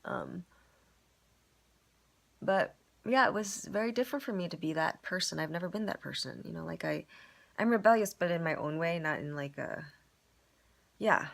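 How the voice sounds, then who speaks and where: A woman's voice: fairly low pitch, expressive, normal speed, gravelly, pauses often. A woman musing aloud in a casual, rambling monologue, reflecting on a storytelling performance and full of "like" and "you know".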